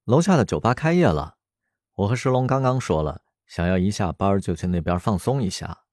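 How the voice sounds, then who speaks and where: A man's voice: fairly low pitch, lively intonation, a little fast, a little mellow, no echo, studio quality. A man voicing a cheerful, teasing young woman in a storybook reading.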